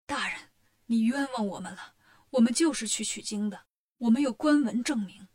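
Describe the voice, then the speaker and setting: A woman voicing a gentle male monk who speaks softly and pleads his case. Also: on the high side, normal speed, close to an everyday voice. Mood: pleading.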